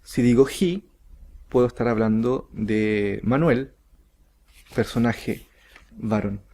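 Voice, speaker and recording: A man teaching English grammar, explaining slowly and carefully and stretching out each English example sentence. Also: mid-range voice, warm tone. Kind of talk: recorded grammar lesson.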